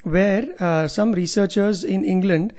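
High-voiced North Indian man, mellow. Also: a little slow. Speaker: co-host. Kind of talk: casual conversational chat. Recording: slightly dull, lo-fi audio.

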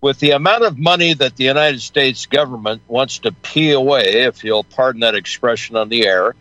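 A man hosting a political talk show, asking questions in measured, formal phrasing. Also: mid-range voice, pushed and bright, dry recording, poor audio.

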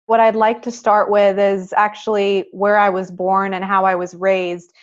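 A young woman from Pakistan tells her life story as an interview guest. She speaks at a mid pitch and a measured pace, in a reflective tone. The audio is a little dull and lo-fi. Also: flat delivery. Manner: measured, reflective, frequent "I think" and "you know".

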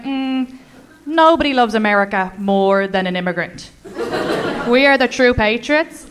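A young woman with an Irish accent doing a stand-up comedy set, wry and deadpan with mock-outraged asides. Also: high-pitched. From Ireland. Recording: live club set with audience noise.

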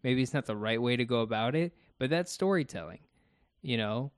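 A man's voice: mid-range voice, animated, a little fast, smooth, no room sound, clean studio sound. A man co-hosting a casual podcast, talking through his thoughts about a TV episode one step at a time. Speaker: podcast co-host.

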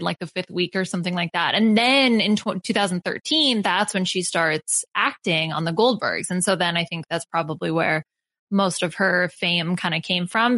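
A woman co-hosting a podcast in casual chat, wry and quick to laugh, recapping a TV show. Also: lowish voice, a bit bright, no room sound. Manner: dry, wry, laughs easily. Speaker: podcast co-host.

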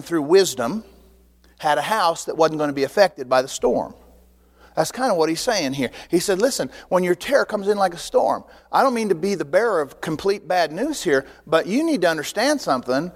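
A man preaching a sermon as pastor, in an animated, conversational way full of rhetorical questions. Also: high voice, fairly quick. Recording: long hall reverb.

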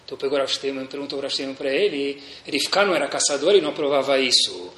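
A rabbi teaching a Torah class gives an animated religious lecture to a seated audience, telling anecdotes and addressing them directly. His voice is mid-range and his pace quick. The room is echoey.

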